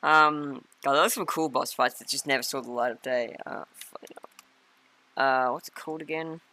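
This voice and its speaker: A man's voice: medium pitch, fairly even intonation, moderate pace, sharp tone. A man giving casual, joking and sometimes profane livestream commentary on games. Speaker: streamer and game developer.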